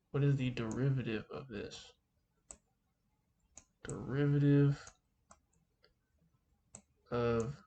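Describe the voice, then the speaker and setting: A man speaking through a face mask, giving an informal calculus lesson in a halting way, thinking aloud as he goes. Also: mid-range voice, vocal fry, darkish tone, lo-fi sound. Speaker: math teacher.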